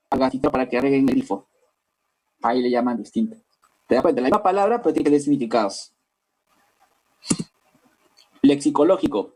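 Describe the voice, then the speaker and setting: A man's voice: mid-range voice, darkish tone, rough recording. A man with a Lima Peruvian accent, teaching a language class step by step and often asking his listeners whether they follow. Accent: Peruvian Spanish, Lima. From Peru. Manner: explains step by step, keeps checking with listeners. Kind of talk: classroom lecture.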